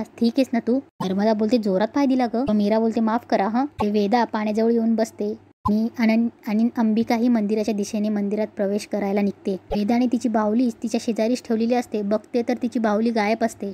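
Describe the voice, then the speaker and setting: A woman recaps a serial episode in a casual storytelling way, often stopping to restart her sentences. Her voice sits fairly high, but her melody stays flat. Her tone is mellow and a touch husky. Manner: plain storytelling with frequent restarts. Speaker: narrator.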